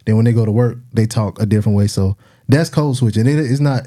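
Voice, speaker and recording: Very mellow, dark-voiced Southern man chatting. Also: on the low side, fast talker. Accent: Southern US, South Carolina. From South Carolina. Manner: slangy, colloquial grammar. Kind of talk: casual chat.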